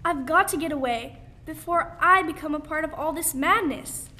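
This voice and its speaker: Teen girl as Doctor Strange, very high, bright. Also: normal speed. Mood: bewildered. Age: young teenager. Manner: dramatic, emphatic. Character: earnest, anxious woman doctor, former surgeon turned heroine. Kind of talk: amateur school radio play acting. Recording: faint background noise.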